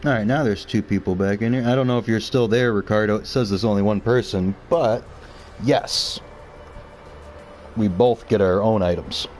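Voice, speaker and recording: A man's voice: lowish voice, a little fast, darkish tone, slight background noise. A man streaming a video game, chatting casually with a viewer while he plays. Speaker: gaming streamer. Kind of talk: casual live-stream chat.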